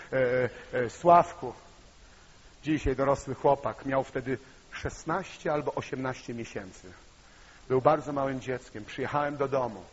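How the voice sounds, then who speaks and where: A man preaching a sermon, telling a personal story with emotion and rising to loud, impassioned peaks. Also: mid-range voice, breathy edge. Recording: muffled sound with long hall reverb.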